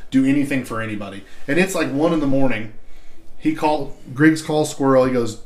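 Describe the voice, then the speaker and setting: A man in his thirties, co-hosting a podcast, telling stories in a lively, laughing way. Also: medium pitch, a little fast. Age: 30s. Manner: animated, laughing storyteller. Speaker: podcast co-host. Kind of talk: casual storytelling chat. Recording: roomy echo.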